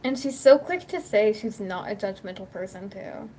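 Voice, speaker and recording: A woman's voice: medium pitch, lively intonation, normal speed, dark tone, a little hiss or hum. A woman YouTuber chatting casually at home, rambling through stories and acting out quoted dialogue, saying "like" constantly. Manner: rambling storytelling, acts out quoted dialogue, heavy "like" filler. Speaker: YouTuber and livestreamer. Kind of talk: casual chat.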